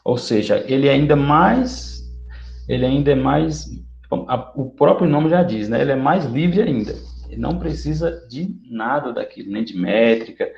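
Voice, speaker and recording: Gravelly-voiced male teacher, roomy lo-fi. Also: medium pitch, lively intonation, moderate pace, a little mellow. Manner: explanatory, checks in with "né?" and "certo?". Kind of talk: recorded online lesson. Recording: roomy, dull lo-fi sound.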